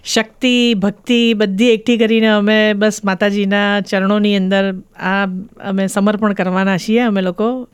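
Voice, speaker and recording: Enthusiastic woman singer, smooth voice. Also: medium pitch, level tone, unhurried. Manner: enthusiastic, devotional phrasing. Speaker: singer guest. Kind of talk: radio interview. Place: radio studio.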